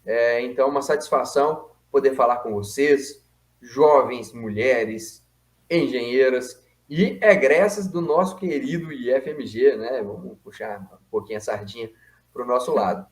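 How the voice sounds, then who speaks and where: A man's voice: mid-range voice, measured pace. A man hosting an interview, friendly and conversational, often adding tag questions. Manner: friendly, conversational, with many "né" tags. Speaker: interview host. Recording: echoey room.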